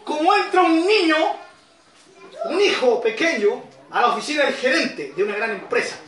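A man with a Chilean accent, a pastor giving a sermon, swinging from quiet asides to shouted, emphatic peaks. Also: very high-pitched, lively intonation, normal speed, echoey room, recorded from a distance, a little hiss or hum. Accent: Chilean Spanish.

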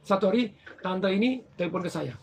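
A man telling stories from his banking career in casual conversation, animated and acting out the people in them. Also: sits high, brisk, vocal fry, a little hiss or hum. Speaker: former bank branch manager.

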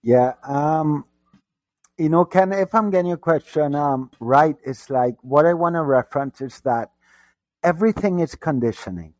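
A man's voice: on the high side, moderate pace, darkish tone. A man from Trinidad and Tobago, a guest in an interview, talking reflectively about growing up. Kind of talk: conversational interview.

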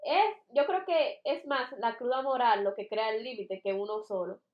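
Young woman, casual chat, animated storyteller, fairly high voice, echoey room. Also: normal speed, muffled recording. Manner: animated, laughs while acting out quotes.

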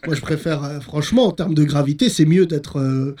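A man's voice: on the high side, fairly quick, a little mellow. A man hosting a comedy podcast, teasing and joking his way through a casual chat. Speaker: podcast host.

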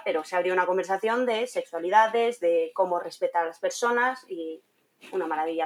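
A young woman with a fairly low voice, a content creator and trainee teacher, tells an animated story as a guest in an easygoing interview. She laughs a lot and plays out the quoted voices as she goes.

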